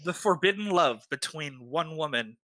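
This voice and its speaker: A game master narrating a tabletop game in a relaxed way, with many filler sounds. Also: medium pitch, moderate pace.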